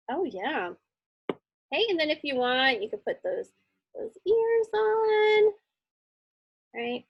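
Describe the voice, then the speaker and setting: In a chatty drawing lesson for kids, this woman teacher keeps pausing to ask quick check-in questions. Her voice is high, husky and a bit bright. The sound is close and dry.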